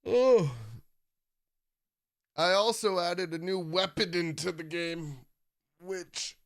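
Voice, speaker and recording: Deep-voiced, slow-talking male game streamer. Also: no room sound, clean studio sound. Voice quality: deep and raspy. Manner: rambling, humming along while playing. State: rough throat. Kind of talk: live gameplay commentary.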